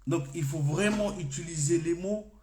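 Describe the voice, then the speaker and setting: This man is a personal development coach, a native Comorian speaker talking to camera in French without a script, recorded in an echoey room with slight background noise. His voice sits a little high with a dark tone, at a moderate pace. He muses informally, frequently breaking off and restarting phrases.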